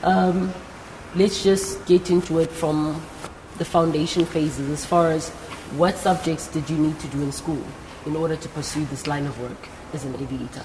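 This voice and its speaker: Hosting a live career talk show interview in front of young guests, a South African woman speaks encouragingly and directly to her audience. Her low voice holds a steady tone at normal speed, and the hall echoes with faint background noise.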